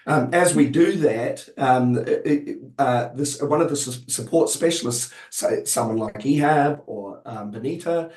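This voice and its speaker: A man's voice: medium pitch, unhurried, hardly any pauses, a little mellow, roomy sound. A man presenting in a webinar, explaining a support program with many fillers and restarts, losing his voice. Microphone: online video call.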